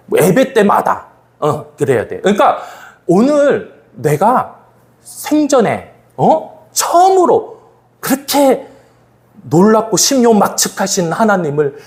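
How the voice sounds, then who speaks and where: A male pastor preaching at a Friday evening revival service, playful and animated, laughing often and calling on the congregation for amens. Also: high voice. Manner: talks directly to the congregation, asking for amens.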